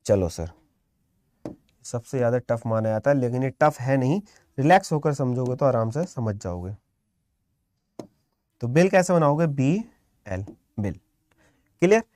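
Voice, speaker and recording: A man teaching a live online shorthand class, calm and encouraging, quizzing students by name. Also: medium pitch, a little slow, long pauses, no echo.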